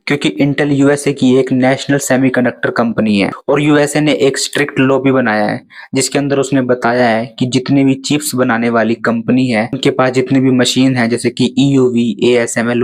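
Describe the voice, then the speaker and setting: A young man narrating an explainer video in a steady, listing manner, slowing down on technical terms. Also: mid-range voice. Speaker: YouTube explainer host.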